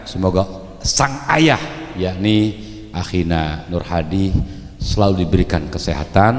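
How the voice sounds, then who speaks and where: Animated male preacher. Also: a little slow. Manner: animated, swinging between shouts and low murmurs. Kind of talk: mosque sermon. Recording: echoey hall reverb.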